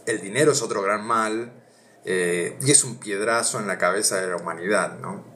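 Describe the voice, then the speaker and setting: An Argentine man with a Rioplatense accent reads philosophy aloud on a live stream and chats casually with viewers, thinking out loud with many hesitations. His voice is fairly low and a bit bright, and he speaks at a moderate pace.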